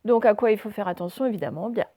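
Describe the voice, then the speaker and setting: A woman's voice: medium pitch, quick pace, warm tone, no room sound. A woman primary school teacher recording a reading and handwriting lesson for young children, explaining step by step with frequent hesitations and spelling out letters.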